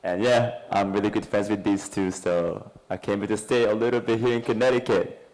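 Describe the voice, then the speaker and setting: A man from Hungary sharing a short, simple testimony in a grateful, slightly halting way. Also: on the low side, steady tone, a little mellow, slight background noise, poor audio. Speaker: church member giving testimony.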